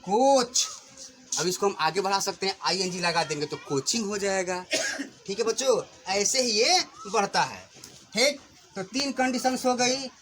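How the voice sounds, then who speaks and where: A male teacher with a high, bright voice walks children through a pronunciation lesson. He asks questions and then answers them, hitting each example word firmly. A faint hiss of noise sits under the recording. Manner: patient, questioning, stresses example words loudly. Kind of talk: classroom lesson explaining English pronunciation to children.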